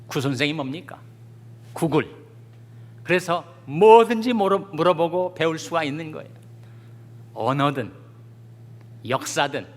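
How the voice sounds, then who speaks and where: Guy preaching a sermon, jokey stories then fired up scripture reading, big echoey church. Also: fairly high pitch. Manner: folksy storytelling with jokes, rising to fervent scripture reading. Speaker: pastor. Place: church sanctuary. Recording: long church reverb.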